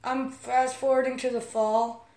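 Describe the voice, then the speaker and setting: A young woman with a higher voice answers questions in a casual interview. She talks haltingly, stuttering and restarting her phrases. The sound is echoey. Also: level tone, warm tone. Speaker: guest. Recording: echoey room.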